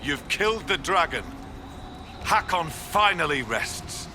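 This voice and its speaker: A solemn, reverent tribesman in a fantasy game. He speaks slowly in a fairly high voice, with outdoor noise behind him. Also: sing-song. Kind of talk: video game character dialogue.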